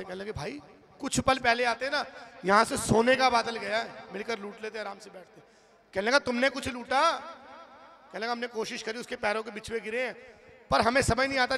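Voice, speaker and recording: A man's voice: high voice, creaky, fairly bright tone. A man telling a devotional story as a sermon, dramatically acting out the characters and calling on the devotees. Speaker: kathavachak. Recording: long hall reverb.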